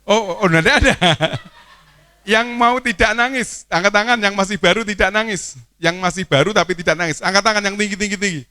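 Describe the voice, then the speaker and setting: A man's voice: high voice, brisk, bright, forceful tone, no echo. A man teacher, giving a playful, coaxing speech to children at a boarding school opening and asking them questions. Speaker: teacher addressing students.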